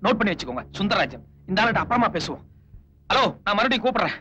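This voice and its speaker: A quick, bright-voiced wry thief. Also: male voice, sits high, very animated, slight background noise, full character voice. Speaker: thief turned helper. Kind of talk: film dialogue. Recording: dull lo-fi film audio with music.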